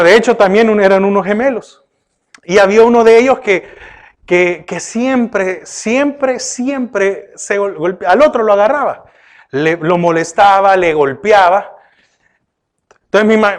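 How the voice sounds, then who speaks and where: High-voiced man preaching a sermon. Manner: preaching with repeated rhetorical questions to the congregation; often addresses listeners with "oiga" and "¿verdad?". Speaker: pastor.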